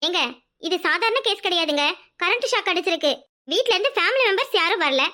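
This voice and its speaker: A woman's voice: very high voice, expressive, fairly quick, bright, forceful tone, full character voice. A woman voicing a strict female hospital doctor in a cartoon, scolding and businesslike. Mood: stern. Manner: stern, scolding. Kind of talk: cartoon voice acting.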